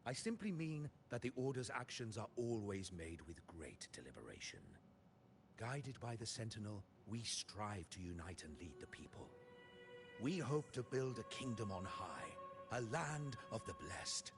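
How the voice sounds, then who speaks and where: A pious game cleric with a lowish voice that moves in wide, sermon-like swells. He is serene, formal and detached, preaching restraint with solemn care, and music plays clearly behind him. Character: pious, controlled zealot cleric of a religious order. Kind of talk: scripted video game dialogue. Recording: background music under the voice.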